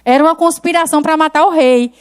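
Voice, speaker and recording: A woman preacher retelling a Bible story in a lively sermon, often putting rhetorical questions to the congregation. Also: high voice, fast talker.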